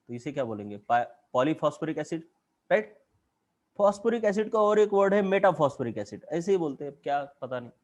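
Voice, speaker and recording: A man with an Indian accent teaching chemistry in a classroom lecture, drawing at a board and asking the class question after question. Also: a little high.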